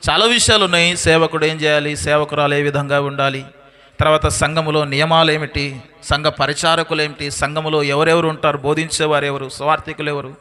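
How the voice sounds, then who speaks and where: A man preaching a sermon, firing questions at the congregation and answering them, his voice swinging between loud rising declarations and soft low drops. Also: steady tone, fast. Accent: Telugu. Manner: call-and-response questions to the congregation. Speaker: pastor.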